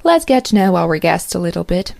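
Gravelly, dark-toned woman introducing interviews on a podcast. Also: on the low side, very animated, a little fast. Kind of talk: casual podcast hosting.

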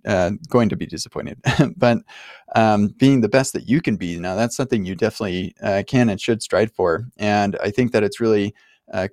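A man hosts a podcast and answers a caller in a friendly, reflective manner, often thinking aloud. His voice sits fairly low. The sound is dry and close to the mic. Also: darkish tone, no room sound. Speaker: podcast host.

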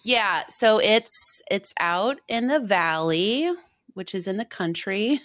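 A woman's voice: medium pitch, expressive, takes it slowly, a bit bright, dry recording. A woman in her late thirties, co-hosting a podcast in casual chat, laughing often. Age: 30s. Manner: laughs often, chatty and giggly. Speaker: podcast co-host.

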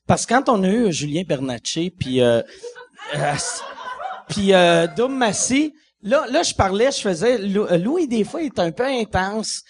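A man's voice: sits high, sing-song, slight background noise. A man in his forties with a Quebec French accent, hosting a podcast and telling profane, laugh-filled stories to a live audience. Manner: rapid, profane storytelling with frequent laughs. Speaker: podcast host. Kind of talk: casual chat before a live audience.

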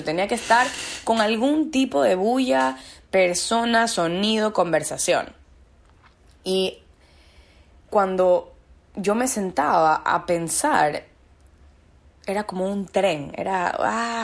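A woman as a podcast guest, talking about her own experience in an earnest, searching way and repeating words for emphasis. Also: mid-range voice. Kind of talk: reflective personal conversation.

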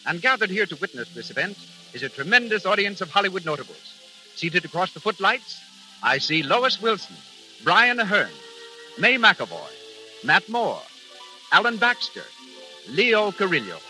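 A man's voice: high-pitched, sing-song, moderate pace, bright, forceful tone, faint music behind, poor audio. A man speaking as an old-time radio announcer, making formal, grand scripted introductions on a vintage 1930s broadcast. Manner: declamatory, grandly formal delivery.

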